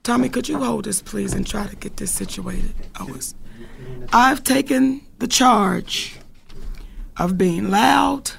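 A woman's voice: fairly high pitch, slow pace, creaky, a little hiss or hum. A woman speaking passionately and bluntly to an audience about standing by her husband. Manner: bold, outspoken, emphatic, profane. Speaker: wife speaking on a panel. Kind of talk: passionate spoken address.

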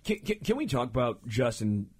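A man co-hosting sports talk radio, ranting casually and jumping into high outbursts. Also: normal speed, slightly rough. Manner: animated, ranting, jumps into high-pitched outbursts.

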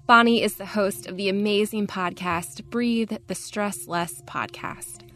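A woman's voice: mid-range voice, unhurried, pushed and bright. A woman producer delivering a scripted podcast introduction in a friendly, polished announcing manner. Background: music.

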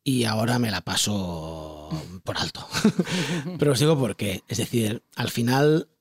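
A man with a Spain Spanish accent, talking as an author being interviewed, chatty and animated, often asking rhetorical questions. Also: mid-range voice, unhurried, breathy edge, dry recording. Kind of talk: casual explanatory interview talk.

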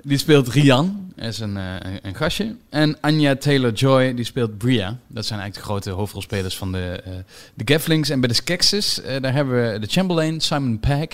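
A man's voice: mid-range voice, expressive, moderate pace, few pauses. A man co-hosting a podcast about TV series, chatting casually and explaining the cast with enthusiasm. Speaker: podcast co-host. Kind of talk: casual chat reviewing series.

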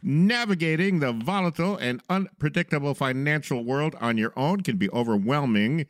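A man's voice: on the high side, normal speed, no echo. Radio host guy, bouncy voice all over the place, dry studio sound. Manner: upbeat, animated, jokey. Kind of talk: radio talk show hosting.

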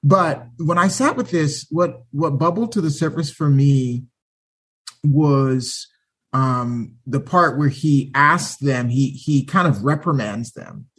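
A man's voice: on the high side, slow pace, a bit bright, breathy edge. A man from Canada chatting as a podcast guest, friendly and chuckling, with lots of ums and uhs. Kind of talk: casual chat.

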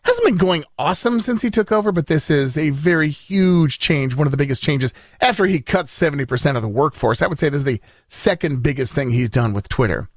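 A man's voice: fairly high pitch, expressive, a little fast, hardly any pauses, dry recording, clean studio sound. A man hosting morning radio, reading news in a conversational, bantering style.

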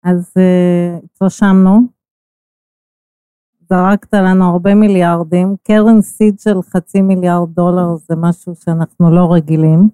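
A woman's voice: lowish voice, little pitch movement, mellow, smooth, no room sound. A woman interviewing a guest with direct, curious questions.

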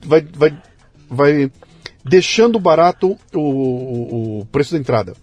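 A man hosting a podcast in relaxed conversation, often trailing off quietly at the ends of phrases. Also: fairly high pitch, takes it slowly, no room sound, faint music behind. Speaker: podcast host. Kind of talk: casual podcast chat.

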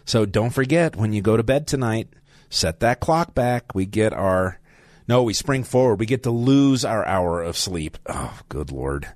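A man's voice: lowish voice, lively intonation, unhurried, darkish tone, no echo, studio quality. An older man guest hosting a talk radio show, chatting in a rambling way with asides. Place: radio studio. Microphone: studio mic.

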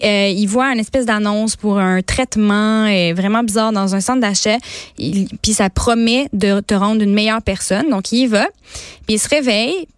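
A woman's voice: mid-range voice, clean tone, no echo, studio quality. A woman with a Québécois accent chatting casually as a culture columnist, with lots of hesitations and fillers. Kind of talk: casual chat recommending films and series.

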